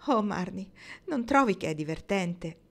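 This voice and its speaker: A woman's voice: medium pitch, expressive, a little slow, creaky. A heartfelt, grateful young woman read aloud. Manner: heartfelt and emotional. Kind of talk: audiobook character reading.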